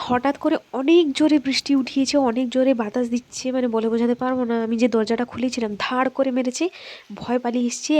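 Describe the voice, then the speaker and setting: Woman vlogger, West Bengal accent, high voice, chatty and direct to camera, home kitchen. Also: a little mellow. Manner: chatty, talks straight to viewers. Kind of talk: casual home vlog.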